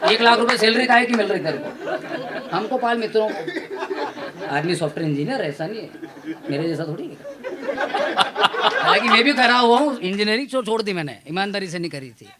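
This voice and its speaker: A young man, a comic poet, telling self-mocking stories and teasing a live audience from the stage. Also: high voice. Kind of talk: stage comedy storytelling.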